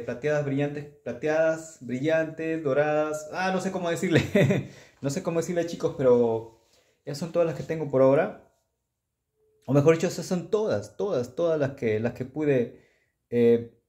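Male collector, casual show-and-tell, warm mellow tone, mid-pitched, chatty and halting over names. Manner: chatty, stumbles over foreign player names. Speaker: sticker collector vlogger.

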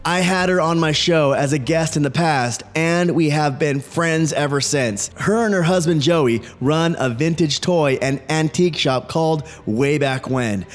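Enthusiastic guy in his 40s narrating his vlog, kinda high voice, long reverb on it. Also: measured pace, hardly any pauses. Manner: upbeat, enthusiastic collector. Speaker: host. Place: home studio with toy shelves.

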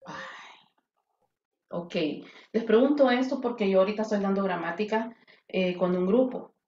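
A woman's voice: medium pitch, moderate pace, warm tone. A woman English teacher, chatting with her online class. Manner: chatty, switches between English and Spanish. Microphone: video call. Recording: echoey, dull audio with faint noise.

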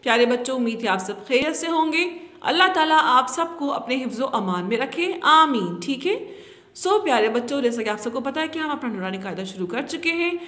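A woman teacher giving a gentle, patient Quran reading lesson to small children, often saying "okay" as she goes. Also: high voice, expressive, brisk, roomy sound, long reverb tail. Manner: patient, repeats "thik hai" often.

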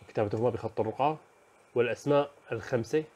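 A man talks quickly through an overview of a school lesson. He lists one topic after another in a brisk voice of middle pitch, stopping now and then for fillers and small self-corrections. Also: dark tone. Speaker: teacher.

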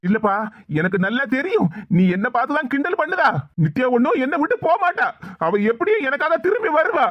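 A performer doing a high, touchy cartoon son. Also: sing-song, lo-fi sound. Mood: sulky angry. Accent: Tirunelveli Tamil. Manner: touchy, quick-tempered complaining. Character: sulky lovelorn young cartoon son. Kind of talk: animated comedy sketch voice acting.

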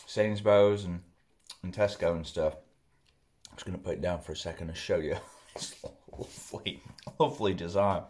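A young man, chatting casually as he reviews food at home, talking through bites. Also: lowish voice. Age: young adult. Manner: chatty, rambling, mouth often full while chewing. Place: living room at home, indoors. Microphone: camera close in front.

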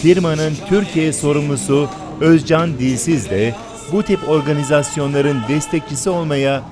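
A man's voice: on the high side, moderate pace. A man reading a scripted event report as a voice-over narrator. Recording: voice-over with clear music behind. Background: music.

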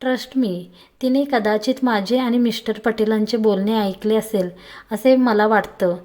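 Gentle young man in a love story, reassuring tone, read by a woman. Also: a little high, fairly even intonation, unhurried, natural voice. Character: young man, calm and affectionate father figure.

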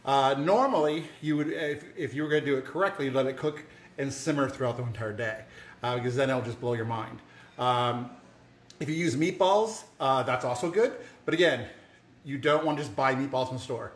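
A man's voice: mid-range voice, brisk. A man hosting a home cooking show, chatting casually to the camera with lots of fillers and restarts, in a home kitchen. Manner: rambling, many fillers and restarts. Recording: echoey room.

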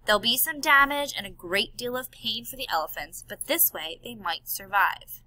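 Earnest worried dad scientist, woman reading it, high lively voice, dry and close. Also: moderate pace, dry recording, rough recording. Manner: earnest, pleading. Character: earnest male elephant scientist, worried father.

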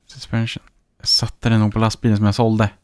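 A man's voice: fairly low pitch, level tone, darkish tone, no echo. A man with a Swedish accent giving casual let's-play commentary, chatting and muttering to himself as he plays. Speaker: gaming YouTuber.

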